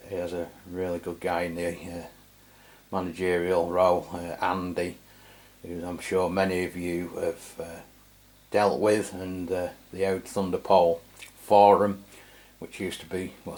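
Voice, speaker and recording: Speaking in a low voice with a darkish tone, a middle-aged man with an English accent reviews a product casually for his radio review channel. He hesitates, rambles, and keeps things matter-of-fact.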